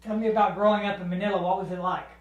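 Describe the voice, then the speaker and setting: High-voiced man asking from far off. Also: steady tone, very fast, lo-fi sound. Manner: gently prodding, joking. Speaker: interviewer. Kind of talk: documentary interview questions. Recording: distant roomy off-camera voice.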